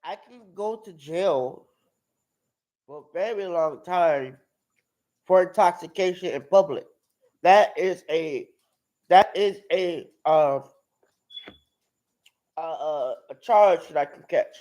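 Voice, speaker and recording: Halting, high-voiced young man giving testimony. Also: a little mellow, poor audio. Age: 20s. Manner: halting, repeats and restarts words. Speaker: testimony speaker at a live-streamed outreach. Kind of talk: personal testimony.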